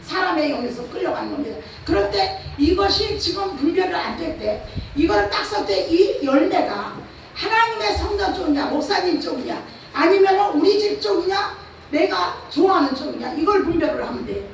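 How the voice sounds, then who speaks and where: A woman pastor from Chungcheong, Korea, delivers a revival sermon in a church or prayer house hall, her high, gravelly voice carrying a Chungcheong accent. She preaches emphatically at normal speed, very animated and full of rhetorical questions. The hall is echoey, she stands far from the mic, and there's faint noise.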